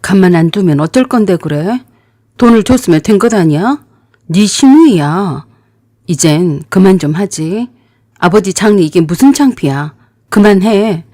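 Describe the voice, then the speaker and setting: A woman voicing a man, a fiancé who scolds and then pleads, in a gruff manner. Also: mid-range voice, lively intonation, measured pace, warm tone, no echo, studio quality. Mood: irritated.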